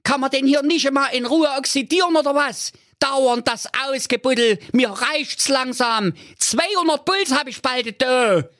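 A man's voice: extremely high pitch, unhurried, hardly any pauses, fairly bright tone, no echo, studio quality, pitched above the performer's own voice. A man voicing a cranky, slangy talking unexploded bomb in a spoofed storybook tale. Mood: fed up. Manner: grumbling, slangy, exasperated.

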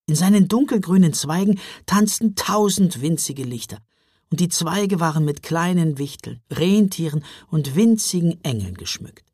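A man narrating a children's Christmas audiobook, expressive storyteller. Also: on the high side, normal speed, no echo, studio quality.

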